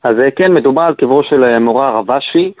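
A man's voice: medium pitch, no echo. A man with an Israeli accent giving a live radio report as a news reporter. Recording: narrow-band phone line on radio.

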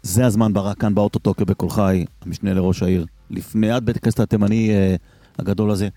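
A man's voice: lowish voice, steady tone, warm tone, dry recording. Chatty male radio host on the street. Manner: chatty and teasing, prods the guest. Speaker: radio host reporting live. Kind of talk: casual live street broadcast. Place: in a car driving through city streets.

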